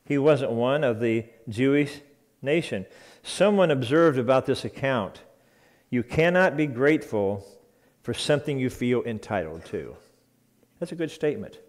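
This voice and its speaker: A man's voice: mid-range voice, lively intonation, unhurried. A man preaching a sermon in a church, earnest and emphatic, repeating key phrases for weight. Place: church sanctuary.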